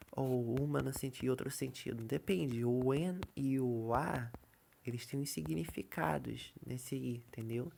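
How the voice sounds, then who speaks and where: Man, English teacher, gravelly voice, faint background hiss, casual explaining. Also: mid-range voice, darkish tone. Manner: repeats filler checks like "tá" and "entendeu", explains slowly. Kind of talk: casual online lesson.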